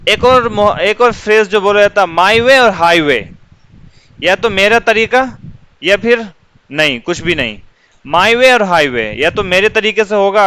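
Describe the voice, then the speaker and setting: A man teaching a children's English story, reading each line slowly and then explaining it quickly, with repeated checks for understanding. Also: high voice, sharp tone, clean tone.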